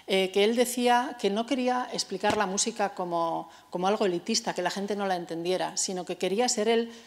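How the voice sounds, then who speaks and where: A woman's voice: medium pitch, brisk. A woman with a Spanish accent from Spain giving a public music talk, explaining things to the audience and checking in often with "eh?" and "no?". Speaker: music lecturer. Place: cultural center hall.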